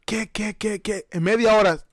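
An excitable man reacts to clips on a casual live stream from home, laughing often and looping the same phrases. His voice sits high for a man, and the sound is dry and close with no room echo. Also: normal speed.

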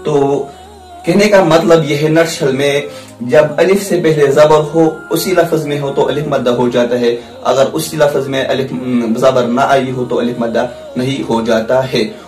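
A man teaching a recorded lesson on Quran reading rules, explaining slowly and repeating each point, drawing out example syllables. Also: mid-range voice, steady tone, darkish tone, recorded from a distance, soft background music. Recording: echoey room, voice from off-mic.

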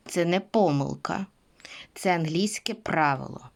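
A woman's voice: on the low side, a little slow, gravelly. A woman teaching English pronunciation, speaking patiently and repeating words for her students. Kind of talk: pronunciation lesson.

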